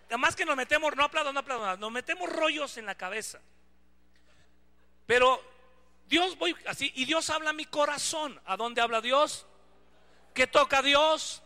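A man with a Mexican accent preaching a sermon, telling a personal story with lively, acted-out dialogue. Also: extremely high pitch. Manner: lively, acts out quoted dialogue.

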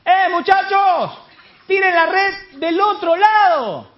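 A man shouting as Jesus calling from the shore. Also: high-pitched, sing-song, brisk, reverberant. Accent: Argentine. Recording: dull live sermon recording, faint crowd.

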